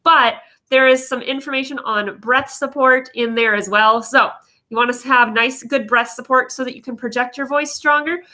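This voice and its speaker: A woman's voice: high voice, steady tone, moderate pace, sharp tone. A woman giving informal instructional advice to viewers as a coach, explaining with emphasis and often checking that listeners follow. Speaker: vocal coach presenting advice videos.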